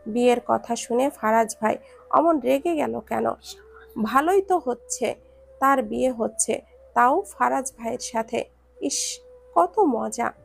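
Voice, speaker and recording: A woman narrates a scripted story with expressive delivery. Her voice is high, with a noticeable gravelly fry.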